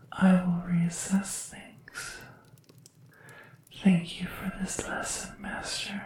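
A woman's voice: medium pitch, dark tone, very echoey, far from the mic. Woman whispering as an otherworldly devoted servant. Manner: whispering, hesitant, formal and deferential. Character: devoted formal female servant from another world. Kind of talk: whispered ASMR roleplay.

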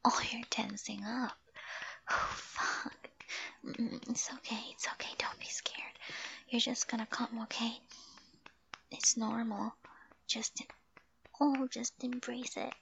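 A young adult woman speaking in a soft, hushed whisper with frequent sighs, performing an intimate roleplay. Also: on the high side, fairly even intonation, slow pace, vocal fry, long pauses, rough recording.

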